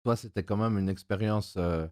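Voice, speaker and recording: A man's voice: fairly low pitch, fairly even intonation, moderate pace, darkish tone. A man hosting a Bible study discussion, talking with frequent hesitations and filler sounds. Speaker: host.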